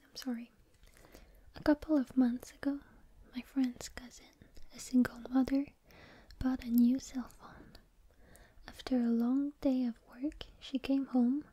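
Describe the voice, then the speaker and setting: A woman speaks entirely in a breathy whisper, as an ASMR host reading stories. Her sound is very dark and soft, with a husky, airy grain. She goes along unhurriedly and informally, moving between reading and casual rambling. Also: high voice.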